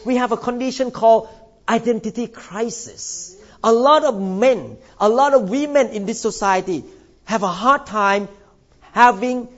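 This is a very high-pitched male voice, and the recording has its highs cut off. The speaker is an older man from Thailand, a pastor giving a church sermon, who stretches key words with emphatic, drawn-out stresses.

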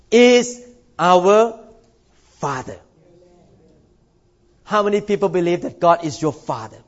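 The muffled recording captures an older pastor from Thailand whose voice sits high. He preaches a church sermon emphatically, drawing out key words.

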